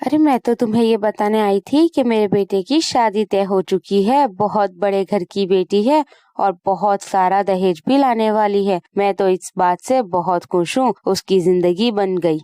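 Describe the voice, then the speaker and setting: A woman's voice: mid-range voice, a little slow, mellow, clear, resonant tone, no room sound, clean studio sound, close to an everyday voice. A woman voicing a heartless, plotting female friend in a cartoon story, sly and threatening. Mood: boastful.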